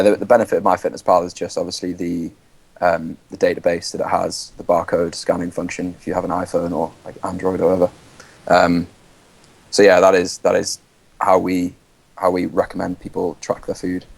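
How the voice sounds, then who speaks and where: Deep gravelly man, flat delivery. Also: brisk, low-quality recording. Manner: easygoing, hesitant restarts. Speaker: fitness coach, guest. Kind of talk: casual interview answers.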